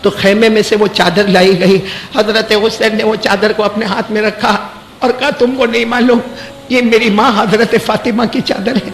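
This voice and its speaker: A man preaching an emotional sermon, wailing as his voice rises high and loud, then drops low, and asking the crowd to answer back. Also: little pitch movement. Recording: echoey hall with faint noise.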